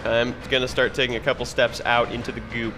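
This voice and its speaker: A man's voice: mid-range voice, flat delivery, fast, over music. A man playing in a tabletop game, describing his character's moves in a rambling way full of 'like' and 'sort of'. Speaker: player. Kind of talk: casual tabletop play.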